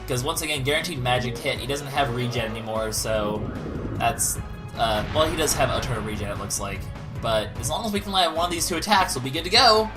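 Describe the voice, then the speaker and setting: A man's voice: mid-range voice, lively intonation, brisk. A man giving casual, rambling, analytical gameplay commentary as a let's play host. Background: game music.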